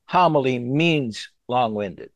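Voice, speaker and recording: A man's voice: mid-range voice, animated, slow pace, no echo. A man co-hosting a casual podcast chat, hesitant and mock-serious, often restarting his sentences. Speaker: co-host.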